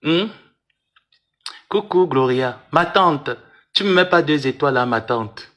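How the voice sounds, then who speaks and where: A man's voice: on the high side, animated, a little slow, a bit bright. A man hosting a livestream, taunting and arguing in a mocking, repetitive way. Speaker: live-stream host. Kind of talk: livestream rant and chat.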